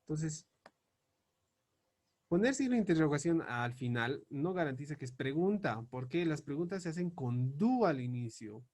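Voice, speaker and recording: A man teaching English grammar, spelling out example questions slowly and word by word as he writes them up. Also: on the high side, sing-song, darkish tone. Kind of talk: explaining grammar on a board.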